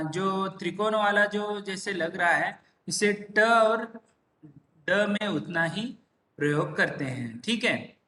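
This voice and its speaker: A man teacher slowly explaining a lesson, patiently repeating examples one word at a time. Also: sits high, pushed and bright. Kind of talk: slow classroom explanation. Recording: echoey room.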